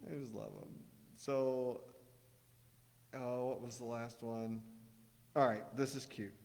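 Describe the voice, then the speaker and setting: A man's voice: mid-range voice, fairly even intonation, takes it slowly. A middle-aged man preaching a casual sermon, rambling with restarts and telling jokes. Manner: rambling, warm storytelling with restarts. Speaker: pastor. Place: church sanctuary. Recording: long church hall reverb.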